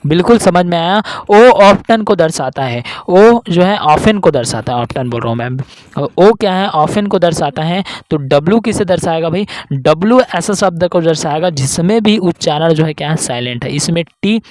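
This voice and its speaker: A man's voice: on the high side, expressive, normal speed, darkish tone. A man teaching an exam-prep reasoning class. He asks questions and answers them himself, sometimes speaking as his students. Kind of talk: online exam-prep lesson.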